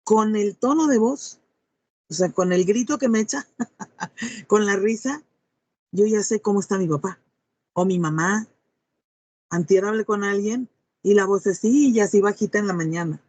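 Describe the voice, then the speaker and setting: A woman's voice: mid-range voice, unhurried, long pauses, a little mellow. A woman preaching a sermon, reading scripture aloud and then expounding it with emphatic rhetorical questions to her listeners.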